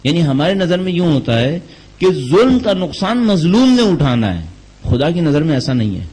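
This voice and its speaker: A man's voice: a little high, sing-song, a little mellow, breathy edge, poor audio. A man delivering a Quran commentary lecture, asking rhetorical questions and telling anecdotes to make his points. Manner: rhetorical questions, tells jokes as examples. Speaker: religious lecturer.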